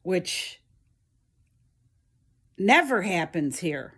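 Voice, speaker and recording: A middle-aged American woman talks through her own story in a slow, unhurried way. Her voice sits fairly low, and she rambles and stops and restarts often, with plenty of fillers along the way. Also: big pitch swings, fairly bright tone, husky. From United States. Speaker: vlogger. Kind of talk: casual personal storytelling.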